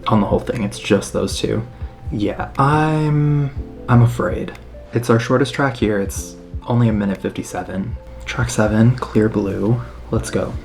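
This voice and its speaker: A man giving casual, excitable reaction commentary on an album, emphatic and swearing freely. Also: on the low side, moderate pace, gravelly. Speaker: music reaction host. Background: faint music playing.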